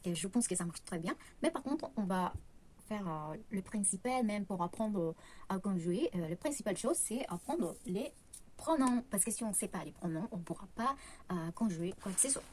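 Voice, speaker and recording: A woman's voice: mid-range voice, animated, normal speed, darkish tone, slightly rough. Hesitant woman. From Latin America. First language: Spanish. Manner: hesitant, many fillers and self-corrections. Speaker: language teacher. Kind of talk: casual online lesson.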